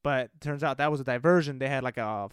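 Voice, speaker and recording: A man co-hosting a podcast, retelling film scenes in an animated, casual way with some swearing. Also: medium pitch, fast, smooth, no room sound, studio quality. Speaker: podcast co-host. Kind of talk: casual movie review chat.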